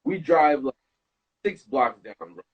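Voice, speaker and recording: A man's voice: a little high, expressive, measured pace, husky, dull audio. A young man casually telling a story with slang, laughing through it. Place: indoors, live stream.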